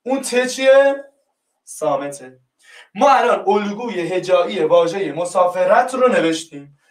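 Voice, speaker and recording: A man's voice: high voice, lively intonation, reverberant, distant mic. A man teaching a class, coaxing his pupils and repeating each prompt until they answer. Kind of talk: online class lesson.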